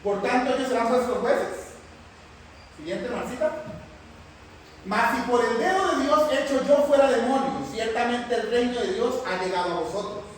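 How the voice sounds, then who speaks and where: A man teaching a Bible class in a lively way, often putting questions to the class. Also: very high-pitched, moderate pace. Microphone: far from the mic. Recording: echoey hall from far off, faint noise.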